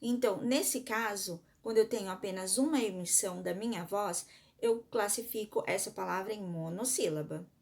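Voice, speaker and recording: A Brazilian woman teacher records a lesson for her pupils, in a voice of middle pitch. She explains patiently, step by step, and sounds words out slowly syllable by syllable. She often puts questions to the class and answers them herself. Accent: Brazilian Portuguese. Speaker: schoolteacher.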